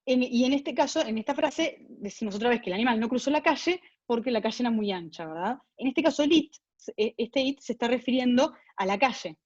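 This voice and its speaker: A woman's voice: medium pitch, no echo. A woman giving a technical lecture, explaining step by step with frequent tag questions and fillers. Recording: dull dry online talk audio.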